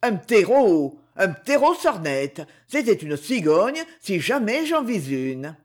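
A man's voice: high voice, very animated, slow pace, exaggerated voice. A man reading aloud, voicing a skeptical, mocking old male professor in a raised voice. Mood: moqueur. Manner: scoffing, incredulous.

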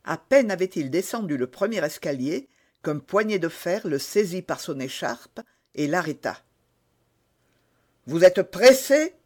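A man reading a classic novel as an audiobook narrator, in a measured, expressive storytelling manner. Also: fairly high pitch.

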